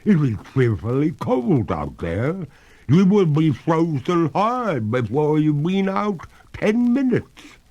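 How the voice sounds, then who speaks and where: A man putting on a drawling, high-flown ghostly lady. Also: very animated, a little mellow, lo-fi sound, full character voice. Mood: plaintive, distressed. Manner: drawn-out, theatrical, genteel. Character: haughty female water ghost, a ladylike, plaintive spectre.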